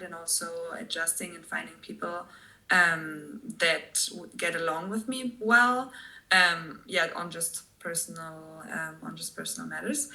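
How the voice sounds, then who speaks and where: A young woman speaks English with a German accent. She answers interview questions in a relaxed, direct way, with many fillers and short laughs. Her voice sits low but sounds bright and forceful. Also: low-quality recording. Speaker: guest, former tour guide. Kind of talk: casual interview chat.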